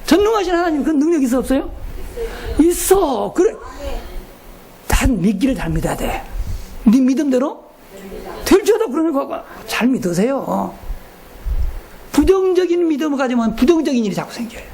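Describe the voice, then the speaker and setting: A man's voice: very high-pitched, very animated, moderate pace, creaky, long pauses, mellow. Middle-aged guy pastor, swoops all over when he preaches, jokey and folksy, keeps quizzing the crowd. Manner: folksy, joking, asks the crowd questions. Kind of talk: lively retreat sermon.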